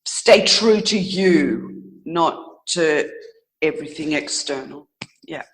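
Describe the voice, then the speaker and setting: In a casual interview, a woman who writes books gives reflective answers, earnest and hesitant, stopping to think and fixing her own words. She speaks low and with animation, though the audio quality is poor.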